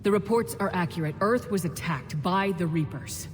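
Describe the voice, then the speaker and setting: An actress voices a resolute female military commander in dramatic game dialogue, her fairly low, natural voice at normal speed. She sounds urgent, firm and earnest, with reverberant hall acoustics and music behind her.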